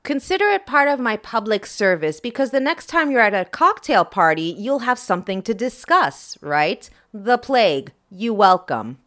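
A woman's voice: medium pitch, big pitch swings, moderate pace, few pauses, a bit bright. A woman hosting a podcast, explaining history in a chatty way with playful, wry asides to her listeners. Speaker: podcast host.

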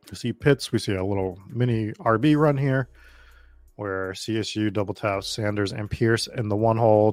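His voice is lowish and a little mellow, and the recording has no echo. He's an American man from around Boston hosting a fantasy football draft stream, giving casual live commentary in an informal, freely sweary way.

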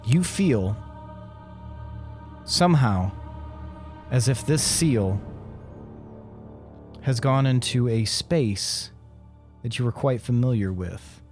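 A man narrating a tabletop role-playing game as game master, laying out scenes in deliberate, suspenseful short phrases. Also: medium pitch, expressive, darkish tone, soft background music.

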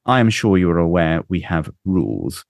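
A man's voice: low-pitched, big pitch swings, creaky, no echo, studio quality, exaggerated voice. A man doing a silky, coolly menacing banker. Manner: silky and polite, unhurried.

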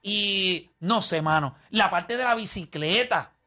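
Bright-voiced, high host. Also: male voice, takes it slowly. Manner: animated, emphatic, laughs often. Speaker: podcast host. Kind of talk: casual chat.

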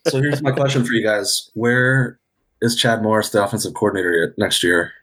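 Low-voiced man with quick one-liners. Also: fairly even intonation, fairly bright tone. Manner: brief one-liners, chuckling asides. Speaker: podcast co-host. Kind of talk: casual sports chat.

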